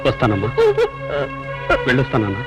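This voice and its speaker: An actor playing a meek younger brother who speaks softly and respectfully as he resigns himself to leaving home. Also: on the low side, brisk, natural voice. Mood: resigned. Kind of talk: melodramatic film acting. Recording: film soundtrack with loud music.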